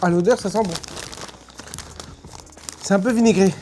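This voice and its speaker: A woman's voice: mid-range voice, moderate pace, dark tone, a little hiss or hum. A woman giving casual, chatty and emphatic tasting commentary in colloquial speech. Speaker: host of food tasting video. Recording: music playing behind.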